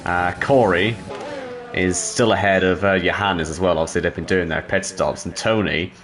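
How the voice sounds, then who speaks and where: A man's voice: low-pitched, steady tone, normal speed, fairly bright tone, soft background music. A man commentating sim racing, analysing strategy with dry humour. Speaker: race commentator.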